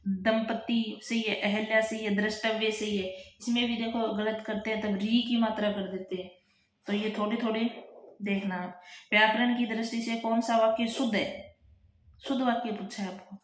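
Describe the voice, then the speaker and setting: Female grammar tutor, brisk exam revision, talks straight to students, roomy sound. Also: fairly high pitch, fairly even intonation. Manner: explains quickly, reads options aloud and corrects them; addresses students directly, often says "bhai". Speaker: Hindi grammar teacher.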